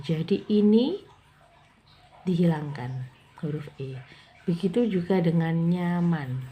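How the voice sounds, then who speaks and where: A woman teaching English to mothers in a casual, patient way, slowly repeating words for practice. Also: fairly low pitch, mellow, a little hiss or hum. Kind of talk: casual classroom explanation.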